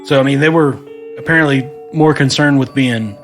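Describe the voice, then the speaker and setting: A man's voice: medium pitch, moderate pace, soft background music. Joking man hosting a podcast. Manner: jokey, laughing narration of case details. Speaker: podcast co-host. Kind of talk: casual true crime podcast chat.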